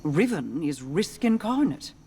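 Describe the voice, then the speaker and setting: A woman playing a regal, guarded queen in a space fantasy video game, measured, solemn and commanding. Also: low voice, big pitch swings, mellow, slight background noise, exaggerated voice. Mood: resolute. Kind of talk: video game dramatic dialogue.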